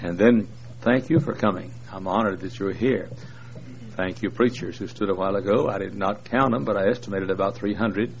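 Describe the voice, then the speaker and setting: Speaking a little fast in a low, gravelly voice, this sixty-something visiting preacher trades folksy jokes with a large church congregation and leans heavily on fillers. The audio is dull, lo-fi and faintly noisy.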